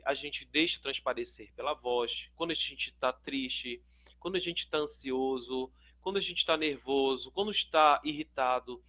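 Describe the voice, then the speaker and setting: Brazilian male speaking coach, slightly high voice, animated video lecture with big pitch and volume swings. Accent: Brazilian Portuguese. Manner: animated, swings his pitch and loudness to demonstrate; asks the viewer "tudo bem?" often. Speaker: public speaking teacher and coach.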